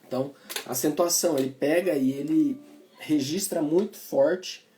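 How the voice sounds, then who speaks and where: With a warm, slightly high voice and a Brazilian Portuguese accent, a man gives a casual cavaquinho lesson at a moderate pace. He's chatty, explaining as he plays and tagging his sentences with little fillers, while the cavaquinho sounds in the background.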